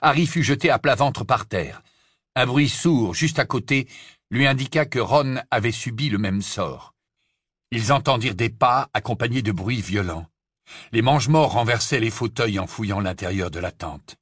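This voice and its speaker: A man reading an audiobook aloud in a slow, dramatic, expressive narration. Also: medium pitch, slightly rough, dry recording, clean studio sound.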